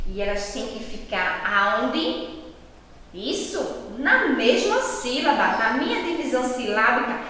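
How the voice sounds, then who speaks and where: A Brazilian schoolteacher speaks to her young pupils at a slow, deliberate pace, drawing out key words and checking in again and again. Her voice sits a little high for a woman. It comes from some way off the mic in a hard, echoey room with a long reverb tail. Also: a bit bright, distant mic. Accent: Brazilian Portuguese. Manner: slow, patient, drawn-out explanations with frequent checks. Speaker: primary school teacher. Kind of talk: remote lesson for young children.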